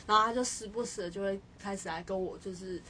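A woman's voice: mid-range voice, fairly even intonation, fast talker, bright, forceful tone, a little hiss or hum. A young woman co-hosting a podcast, talking reflectively and hesitantly in casual chat. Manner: reflective, hesitant, with frequent restarts. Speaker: podcast co-host.

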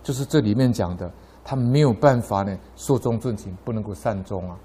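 A man's voice: on the low side, fairly quick, mellow, slightly rough. Man giving a Buddhist talk. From Taiwan. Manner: storytelling, voice rising sharply in anecdotes. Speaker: lay Buddhist speaker. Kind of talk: Buddhist dharma talk with anecdotes.

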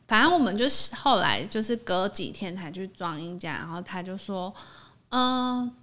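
A young woman co-hosts a podcast in easy, chatty talk. She tells her stories with a lively, swooping voice and laughs often, her pitch sitting in the middle. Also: normal speed. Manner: animated storytelling, laughs often. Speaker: podcast co-host. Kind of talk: casual chat.

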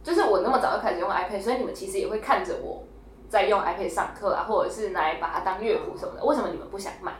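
A woman's voice: medium pitch, racing. A young woman hosting a casual podcast, telling a funny story animatedly with laughter and acted-out quotes. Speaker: podcast host. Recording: roomy echo, faint noise.

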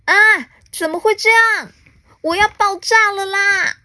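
A little gray alien boy from a picture book, hungry and excitable, yelping his lines in a bright, high voice, as a mother reads him aloud. The sound is dry and close, with no room around it. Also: measured pace, dry recording. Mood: alarmed. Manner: high, squealing exclamations.

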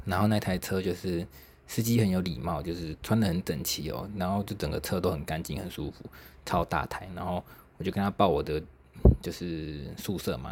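A young man with a Taiwanese accent and a low, deep voice hosts a solo podcast. He rambles through stories in a chatty, self-mocking way, with easy laughs and mild swearing. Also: background noise. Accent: Taiwanese Mandarin. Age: young adult. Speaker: podcast host. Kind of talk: casual solo storytelling.

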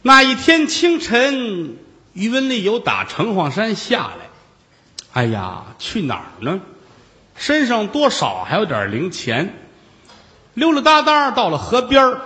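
Male storyteller, theatrical colloquial narration, very lively pitch, long hall reverb. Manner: colloquial, theatrical, digressive asides. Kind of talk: traditional Chinese storytelling.

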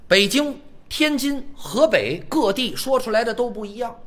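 A man leads a stage crosstalk routine, spinning his story with animated, theatrical delivery. His voice sits high and sounds bright, and his pitch leaps around freely. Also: normal speed. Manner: animated storytelling, breaks into sing-song vendor calls. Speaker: lead crosstalk comedian.

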